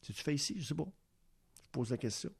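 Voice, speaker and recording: A man's voice: fairly high pitch, lively intonation, fast talker, vocal fry, slightly rough. A man with a Quebec French accent, hosting a sports radio show and rambling through an opinion monologue full of rhetorical questions. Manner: rambling, asks rhetorical questions, acts out little exchanges.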